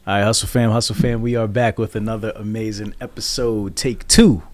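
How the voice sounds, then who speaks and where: A man hosting a casual interview show, talking to his guests in a lively, upbeat way. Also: lowish voice, brisk, background noise. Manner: upbeat, hype-style address to fans. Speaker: podcast host.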